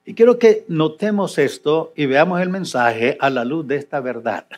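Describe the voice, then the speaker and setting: An older man preaching a sermon as pastor, reading scripture and then commenting on it with dramatic swings between loud emphasis and quiet asides. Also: on the high side, animated, normal speed.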